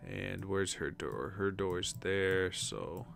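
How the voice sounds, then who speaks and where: A man's voice: sits low, measured pace, bright, forceful tone, faint music behind. A man casually commenting as he plays a decorating game on stream, muttering to himself as he places furniture. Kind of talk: casual let's-play commentary.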